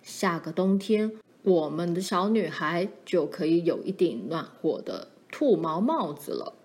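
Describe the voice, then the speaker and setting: A woman voicing a protective pioneer father who speaks firmly and gravely to his daughters. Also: fairly low pitch, expressive, unhurried, darkish tone, voice pushed down. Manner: firm and warning, grows grave.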